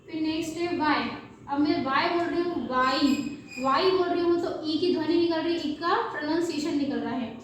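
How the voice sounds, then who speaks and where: A very high-voiced woman teaches beginners phonics, spelling letters slowly and asking and answering her own questions. Her voice sits far back from the mic in a strongly echoing room, with a faint hum underneath.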